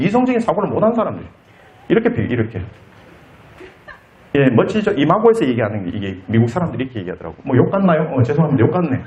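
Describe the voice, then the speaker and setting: A man giving an animated counseling lecture at a conference, acting out quoted lines in different voices. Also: on the high side, dull audio. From South Korea. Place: lecture hall.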